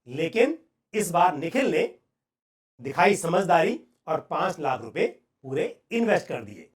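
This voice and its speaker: A man with an Indian accent explaining personal finance to viewers, deliberately and with emphatic pauses. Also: high-pitched.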